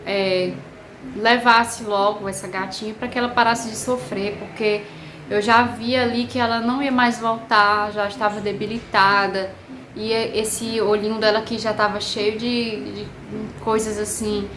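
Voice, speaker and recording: A woman with a Brazilian Portuguese accent, telling a personal story to camera in an emotional, halting way with many pauses. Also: mid-range voice, little pitch movement, noisy background. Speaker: vlogger. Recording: echoey room with faint ambience.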